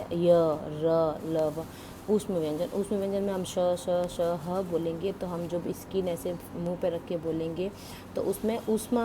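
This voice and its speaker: A woman's voice: lowish voice, background noise. A woman teaching grammar to school students, explaining step by step, asking questions and answering them herself, and mixing English words into her speech. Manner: mixes English words into Hindi.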